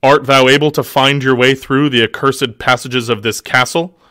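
A man voicing a proud, gruff male barbarian warrior from a fantasy novel, with a blustering delivery. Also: medium pitch, steady tone, moderate pace, pushed and bright, no room sound, clean studio sound, lightly acted.

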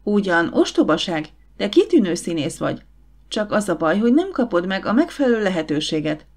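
A woman voicing a confident, warm young woman who runs a catering business, in an audiobook. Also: mid-range voice, big pitch swings. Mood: warm brisk. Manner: brisk, encouraging.

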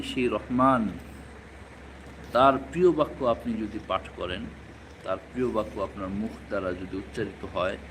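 A man teaching a live Quran recitation class, drilling letter sounds slowly and repeating each syllable for learners. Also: medium pitch, a little hiss or hum, rough recording.

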